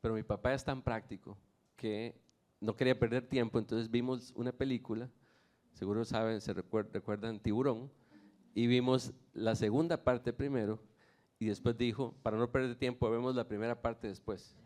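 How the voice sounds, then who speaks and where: Here is a man born in Nicaragua giving his testimony to a church audience. His voice sits at an ordinary middle pitch, and he tells his story with easy, lightly humorous anecdotes. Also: steady tone, moderate pace, a little mellow.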